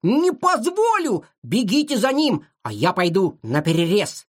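A reader voicing a small kind mole in glasses who has flown into a rage, shouting in a shrill, drawn-out voice in a children's audiobook. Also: huge pitch swings, full character voice. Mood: angry.

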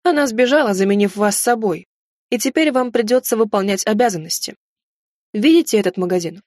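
Storybook: woman reading a measured, formal male inquisitor, even delivery. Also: mid-range voice, no room sound, clean studio sound, natural voice. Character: calm, melancholy male inquisitor overseeing the shadow world.

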